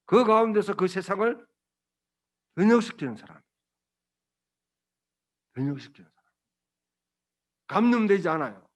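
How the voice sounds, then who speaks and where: A male pastor preaching a Sunday sermon, emphatic and colloquial, with blunt asides and rhetorical questions to the congregation. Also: high voice.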